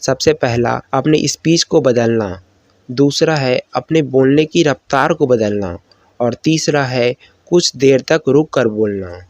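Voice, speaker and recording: A man narrating public speaking tips in a steady, instructive voice-over. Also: mid-range voice, no echo. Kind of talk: scripted narration.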